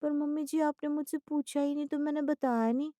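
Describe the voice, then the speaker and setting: A woman voicing a sweet, innocent young daughter-in-law who speaks softly and politely, a little higher than her usual voice. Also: fairly even intonation, fairly quick, no room sound, studio quality, close to an everyday voice. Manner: soft, polite and eager.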